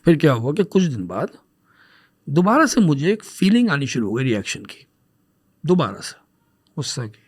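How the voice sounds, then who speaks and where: A man's voice: a little high, long pauses, husky. A man on a podcast telling a personal story in a casual, anecdotal way, dropping English words into his speech and acting out the dialogue as he retells it. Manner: animated, acts out dialogue when retelling.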